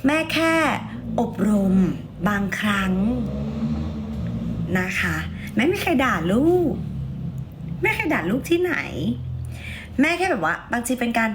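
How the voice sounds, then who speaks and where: A woman with a hoarse, raspy voice chats casually on a livestream, her pitch swinging up and down as she coaxes viewers along. A faint hiss of noise sits under the recording. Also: sing-song, slow, long pauses. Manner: playful, chatty, coaxing viewers. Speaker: livestream seller.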